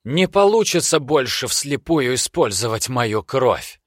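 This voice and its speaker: A cornered young noble who pushes his voice up high and hard in tense, emphatic bursts, as a male narrator puts him on. His voice is pitched well above the narrator's deep one. The sound is close and dry. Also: big pitch swings, unhurried, a bit bright, no room sound. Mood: desperate.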